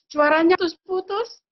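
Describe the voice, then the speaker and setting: A woman joining an online health talk over a video call whose audio keeps breaking up and cutting out. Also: very high voice. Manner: greeting and complaining the sound keeps cutting out. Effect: choppy, breaking-up video call audio. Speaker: participant asking a doctor in an online health talk. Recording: dull lo-fi distant call audio.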